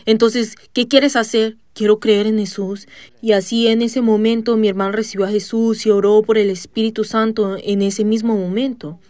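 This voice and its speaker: A woman giving a church testimony in a measured storytelling manner, pausing on "ah" fillers and breaking into loud shouted commands. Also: fairly high pitch, level tone, dry recording. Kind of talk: spoken testimony sermon.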